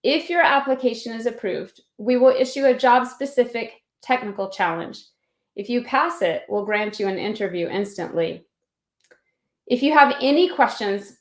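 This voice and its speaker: A higher-voiced woman delivers a scripted recruiting presentation with a polished, salesy recruiter manner. The sound is roomy, with noticeable echo around her words. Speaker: company recruiter giving a pitch. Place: indoor room on an online video call.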